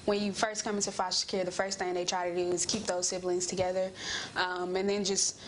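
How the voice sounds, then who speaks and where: Young woman, even-pitched. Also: brisk, rough recording. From Alabama, United States. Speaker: interviewee. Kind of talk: casual interview answers. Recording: noticeable background ambience noise.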